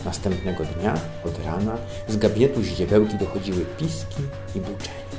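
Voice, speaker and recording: A man narrating a scripted satirical story in a measured, dry way. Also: deep voice, echoey room, over music.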